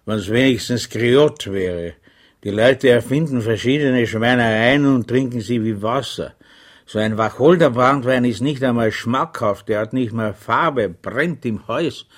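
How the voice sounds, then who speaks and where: A man voicing a hungover male army chaplain in a storybook reading, sighing and complaining in a croaky voice. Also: medium pitch, measured pace, lightly acted. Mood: grumbling.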